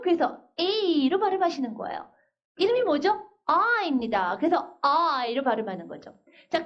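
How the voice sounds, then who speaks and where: A woman teaching a phonics class, spelling words out letter by letter and asking her students questions. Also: high-pitched. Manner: patient, drills words slowly letter by letter; asks the class questions and answers them herself. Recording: dull, lo-fi older recording.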